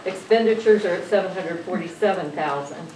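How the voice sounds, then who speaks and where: A woman finance officer reading a council financial report, hurrying through the numbers with fillers. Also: lowish voice. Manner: rushed, reeling off figures with fillers. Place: council chamber. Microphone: distant room mic. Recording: echoey chamber, distant mic, noise.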